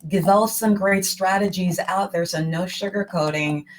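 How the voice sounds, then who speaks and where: A woman from New York hosting an online interview show, energetic, enthusiastic and quick to laugh, heard over a video call. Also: lowish voice. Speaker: talk show host.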